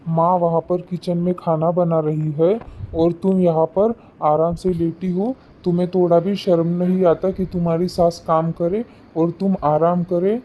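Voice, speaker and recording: An exasperated young husband who scolds his wife in a flat, even tone, as a man voices him. The recording is slightly dull and lo-fi. It sounds like a cartoon storybook. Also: high-pitched, normal speed, natural voice.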